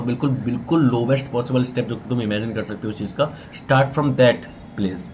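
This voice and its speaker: A man's voice: medium pitch, a little mellow, a little hiss or hum, rough recording. A young man from India with an Indian accent, giving a casual motivational talk that switches between Hindi and English, blunt and swearing, calling the listener bro. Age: young adult. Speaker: motivational vlogger.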